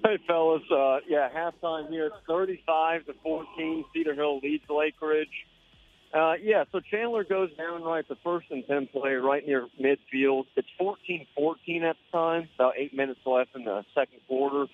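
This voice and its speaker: A man phoning in a live sideline report from a high school football game, recapping plays in a relaxed, conversational way. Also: normal speed. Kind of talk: live field report by phone. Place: at a football stadium. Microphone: phone. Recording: tinny phone line.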